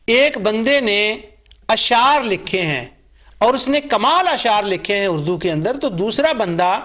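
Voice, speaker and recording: Middle-aged male scholar with a high voice, emphatic lecturer who acts out remembered dialogue. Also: lively intonation, a bit bright. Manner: emphatic, stresses points with repetition. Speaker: Islamic scholar and Quran reciter. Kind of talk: religious lecture with personal anecdotes.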